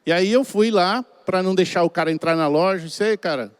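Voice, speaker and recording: Cearense preacher guy, middle-aged, chatty stories, slightly high voice, dry close sound. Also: fairly quick, smooth, no room sound. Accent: Cearense Portuguese. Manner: chatty, colloquial, acts out quotes. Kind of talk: storytelling sermon.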